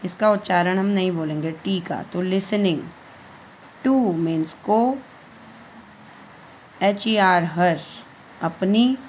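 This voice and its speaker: Very slow woman spelling out English words. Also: fairly low pitch, slight background noise, poor audio. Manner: spells words letter by letter, then translates. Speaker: English teacher. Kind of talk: slow spelling-out reading lesson.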